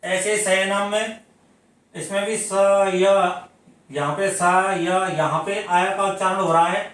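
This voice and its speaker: A man with a fairly high voice teaches at an unhurried pace, posing questions to the class and answering them himself. He stretches example words out syllable by syllable. The recording is very echoey, with the voice picked up from some distance from the mic. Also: steady tone, fairly bright tone. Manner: explains step by step, asking questions and answering them. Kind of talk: Hindi grammar lesson. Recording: very echoey room, voice from away from the mic.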